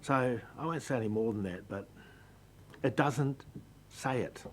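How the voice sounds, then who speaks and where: A man's voice: medium pitch, a little slow, a little hiss or hum, rough recording. A male councillor making a firm, objecting statement in a council meeting. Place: council chamber.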